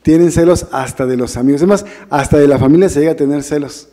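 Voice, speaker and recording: A man preaches a sermon in a church hall. His voice sits high but sounds soft and mellow. He talks to his congregation in a conversational way and keeps throwing rhetorical questions at them. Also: quick pace. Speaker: minister preaching.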